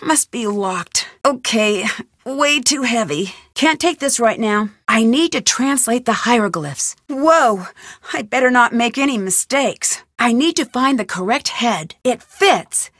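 An actress voicing Nancy Drew, a curious and persistent young amateur detective who thinks aloud and questions people in a game. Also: female voice, fairly high pitch, animated, unhurried, a bit bright, dry recording, clean studio sound. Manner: inquisitive, thinking aloud while investigating. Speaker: game protagonist. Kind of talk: game voice acting. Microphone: studio microphone.

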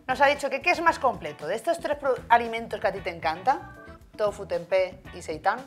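A woman's voice: a little high, lively intonation, a little fast, faint music behind. A woman with a Spanish accent hosting a live show, chatty and self-mocking. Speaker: host. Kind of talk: casual live show chat.

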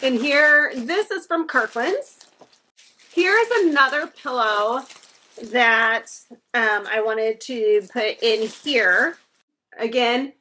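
A woman in her thirties, her voice slightly high, bright and forceful, unboxes home decor in her living room and gushes enthusiastically over each item. She chats casually to a camera placed across the room.

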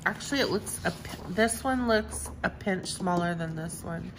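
A woman's voice: on the low side, normal speed, background noise. A woman showing off new craft stamps in a casual, gushing way, repeating how much she loves each one. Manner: gushing, enthusiastic, repeats "I love" and "so cute". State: has the hiccups. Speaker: crafting vlogger. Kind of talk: casual show-and-tell of stamps.

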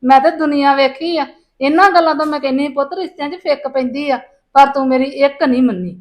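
A woman's voice: high voice, steady tone, brisk, lightly acted. A woman playing a weary mother who reproaches her daughter. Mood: reproachful. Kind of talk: family drama acting.

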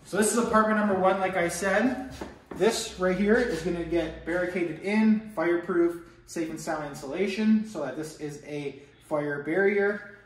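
The voice of a young Canadian real estate investor sits high and moves at normal speed as he tours his renovation for the camera. Someone else holds the camera a few steps away in the empty, echoey apartment, and there's a little hiss or hum. He's chatty and upbeat, continually saying guys to viewers.

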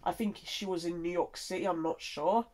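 Congested and tired from a cold, this content creator rambles through a casual update in fits and starts. The pitch sits in the middle, the tone stays steady, and there's a slightly mellow quality.

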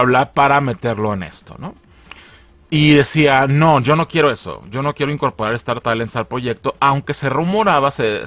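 A man's voice: medium pitch, a bit bright, no room sound. A man with a Mexican Spanish accent hosting a casual film news commentary, slangy and laughing often. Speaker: channel host.

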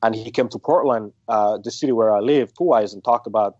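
A man's voice: lowish voice, a little fast, darkish tone, no room sound, muffled recording. A man from Somalia speaking in an interview, hesitant, with many restarts and fillers. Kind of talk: phone interview.

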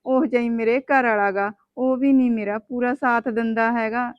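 A woman's voice: fairly high pitch, fairly even intonation, moderate pace, no echo, muffled recording, lightly acted. A woman playing an unhappy young wife with three daughters who pours out her troubles in a plaintive, complaining manner. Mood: sorrowful. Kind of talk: web drama acting.

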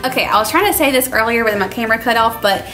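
This rough recording catches a woman in her thirties hosting a cooking vlog in her home kitchen. Her voice sits on the high side, animated and rapid-fire, as she narrates in a chatty, informal way and laughs readily.

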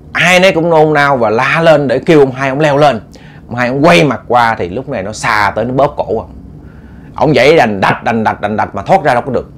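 A man with a Southern Vietnamese accent narrating a ghost story in an animated, dramatic way, often repeating words as he builds tension. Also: medium pitch. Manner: animated, dramatic, repetitive stammering.

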